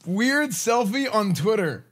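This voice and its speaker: Lively man on a livestream. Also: sits high, slow pace, very noisy. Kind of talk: casual livestream banter. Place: indoor room at home. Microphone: streaming mic on boom arm.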